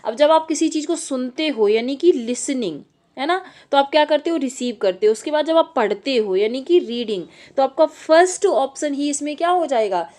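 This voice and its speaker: A woman teaching an online exam-prep lesson. She reads English questions out slowly, explains them to the students and keeps checking in with "okay". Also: high voice, expressive, dark tone. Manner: addresses the students directly, often checking with "okay".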